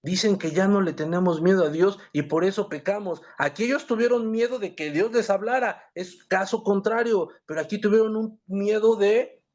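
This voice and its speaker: A man's voice: high-pitched, moderate pace, hardly any pauses, a little mellow, highs cut off. A man teaching a Bible class, earnestly reading scripture aloud and addressing his listeners as brothers.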